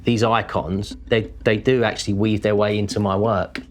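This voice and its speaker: A working-class London painter speaks reflectively in a documentary interview, his fairly low voice flat and moderately paced over faint music. He's informal and thoughtful, leaning on lots of "kind of" fillers.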